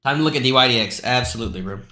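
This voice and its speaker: A man's voice: medium pitch, rapid-fire, sharp tone, reverberant. A man hosting a live stream, talking through price charts in a loose, chatty way with lots of asides. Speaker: crypto live stream host.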